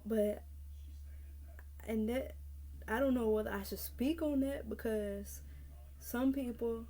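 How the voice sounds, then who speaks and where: Her voice is on the high side and warm, with fairly even intonation and a slow pace. A nineteen-year-old vlogger from North Carolina, she speaks earnestly into her camera mic, repeating herself to encourage the viewer in a casual vlog.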